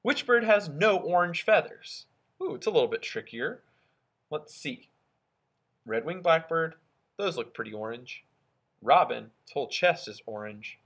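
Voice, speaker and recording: A male elementary school teacher reading aloud and explaining a lesson to children, expressive and thinking out loud, with a husky voice. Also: on the high side, a little slow. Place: indoors at a school, at a wooden desk.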